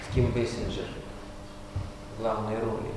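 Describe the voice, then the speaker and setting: Recorded from far off in a big, highly reverberant lecture hall with heavy noise, an older man speaks in a lowish voice with little pitch movement at a moderate pace. He teaches university medical students in a dry, chatty style, peppered with rhetorical questions.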